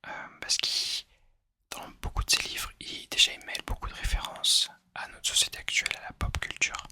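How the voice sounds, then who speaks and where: A man speaking in a soft, unvoiced ASMR whisper, chatting informally and confidingly to the listener about recommendations. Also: normal speed. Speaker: ASMR video host.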